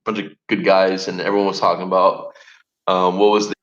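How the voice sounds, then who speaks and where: Blunt guy swearing a lot, kinda low voice, muffled lo-fi discord audio. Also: flat delivery, brisk, a bit bright. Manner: blunt, profane, laughs between points. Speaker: Discord voice chat participant. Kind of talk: casual chat. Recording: lo-fi voice chat audio.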